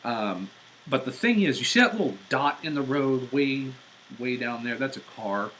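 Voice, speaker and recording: Guy ranting on a live stream about bad drivers, cussing a lot, bright punchy voice, built-in mic in his car. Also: medium pitch, expressive, moderate pace, slight background noise, rough recording. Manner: profane, exasperated ranting. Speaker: vlogger. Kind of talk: live-stream driving rant. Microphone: built-in mic of a portable device.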